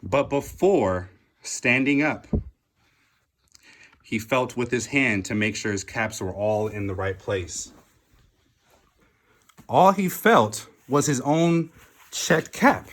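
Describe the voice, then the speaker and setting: Using dramatic pauses, a man reads a children's picture book in an expressive, deliberate manner. His voice sits in the mid range, as suits a storybook reader.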